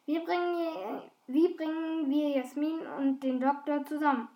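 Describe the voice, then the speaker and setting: Woman doing an eager young girl, earnest, insistent, high-pitched storybook voice. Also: steady tone, a little slow, dark tone.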